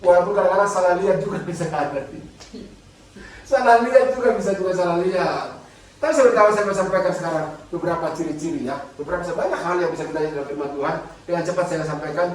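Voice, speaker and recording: A man's voice: high voice, fast. A man with an Indonesian accent preaching a sermon as pastor, joking and acting out little dialogues. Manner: humorous, acts out little dialogues. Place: church hall. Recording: very echoey church hall, distant mic.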